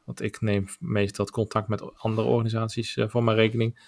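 A man with a Dutch accent co-hosting a podcast, talking in a measured, opinionated way with many filler pauses. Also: on the low side, level tone, creaky. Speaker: podcast co-host. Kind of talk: casual podcast discussion.

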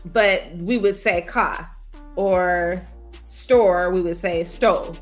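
Slow-talking Midwestern woman, playful. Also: on the low side, fairly even intonation, faint music behind. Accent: Chicago-area Midwestern. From Gary, Indiana. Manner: playful, laughs often, coaxing questions. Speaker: interviewer and voiceover artist. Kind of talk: casual chat.

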